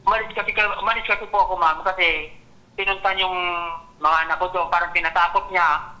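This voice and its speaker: Halting Bicol man, bright tense voice. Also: high voice, fairly even intonation, rough recording. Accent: Filipino, Bicol region. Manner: hesitant, halting, says "ma'am" after nearly every phrase. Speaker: complainant. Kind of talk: interview on a radio program.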